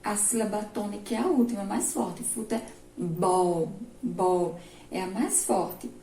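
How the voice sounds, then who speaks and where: A woman primary school teacher with a Brazilian Portuguese accent gives a remote lesson slowly, step by step, asking the class questions. Her mid-range voice is animated and warm. The room is echoey, the mic distant, with faint noise.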